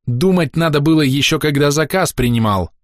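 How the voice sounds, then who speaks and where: A man voicing a grumpy, sharp-tongued woman healer who scolds and snaps in a raised voice. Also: medium pitch, lively intonation, fairly quick, no echo, studio quality, voice pushed up, close to an everyday voice. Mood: grumbling.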